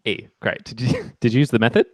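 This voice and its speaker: A man's voice: mid-range voice, wildly swooping pitch, fast talker, no echo. A man teaching music theory in a casual one-on-one lesson, chatty and explaining step by step, with playful jokes and self-teasing asides. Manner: chatty explaining with many ums and okays.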